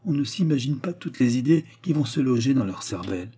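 A man voicing a proud, talkative forest warden, bright and eager in the reading of a novel. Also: mid-range voice, lively intonation, a little fast, slightly rough. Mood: chatty.

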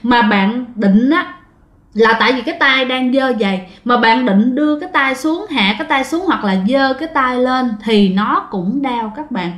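A woman with a high, light voice recounts a ghost story in an easy, conversational manner. She keeps turning to her listeners and acts out what each family member says. The sound bounces around an echoey room. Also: animated, normal speed, a bit bright.

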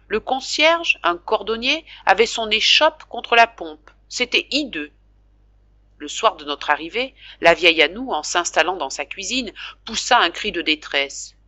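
A woman reading a classic novel aloud as an audiobook narrator, expressive, jumping high in pitch for the characters' cries. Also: no room sound. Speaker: audiobook reader.

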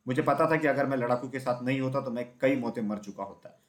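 A man narrating a children's storybook in a steady, even reading voice. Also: mid-range voice, fast talker.

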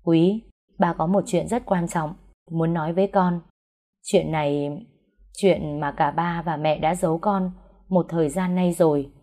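A woman voicing a grieving, gentle old stepfather. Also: fairly low pitch, steady tone, unhurried.

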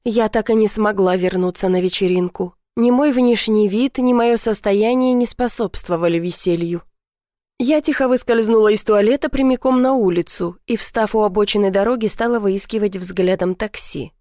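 A woman's voice: mid-range voice, normal speed, warm tone, no echo, clean studio sound. Woman reading intimate first-person narration. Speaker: audiobook narrator.

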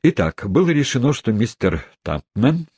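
A man narrating a comic classic novel in an expressive, gently ironic reading. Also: medium pitch, moderate pace, breathy edge, no room sound. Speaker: audiobook narrator. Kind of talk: scripted narration.

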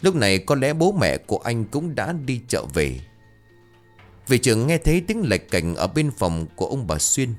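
A man narrating a scripted ghost story in an expressive, dramatic storytelling manner. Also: mid-range voice, moderate pace, soft background music.

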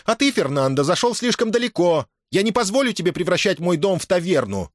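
A man's voice: high voice, very animated, brisk, dry recording, clean studio sound, voice pushed up. A man playing a stern, furious noble mother. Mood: scolding. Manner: scolding, commanding.

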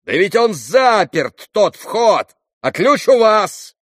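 A man doing an angry sharp young man. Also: sits high, sing-song, takes it slowly, no echo, studio quality, pitched above the performer's own voice, exaggerated voice. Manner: angry shouting.

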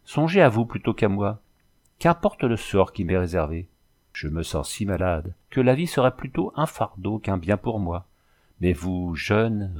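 A man's voice: on the low side, darkish tone. Earnest pleading young engineer, read by a man. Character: young French engineer, anxious, wounded and devoted.

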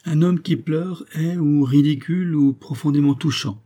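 Male audiobook narrator, measured delivery, husky and dark. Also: on the high side. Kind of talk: scripted narration.

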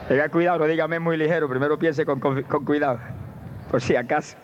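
A man preaching a fervent sermon with a Puerto Rican Spanish accent, dropping to low asides and rising to high cries of praise. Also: fairly even intonation, fast talker. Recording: dull lo-fi tape with faint noise.

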